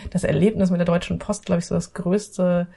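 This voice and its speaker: Woman photographer, guest. Quick, somewhat low voice, husky. Animated storyteller. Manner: animated, quotes her own thoughts, many restarts. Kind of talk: conversational storytelling.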